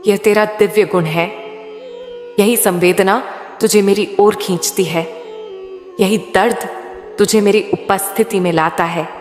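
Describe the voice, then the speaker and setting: A woman voicing a loving, all-knowing mother goddess in a soothing devotional message, speaking slowly and intimately. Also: medium pitch, natural voice. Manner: slow, soothing, intimate address. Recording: echoey hall with faint sitar music.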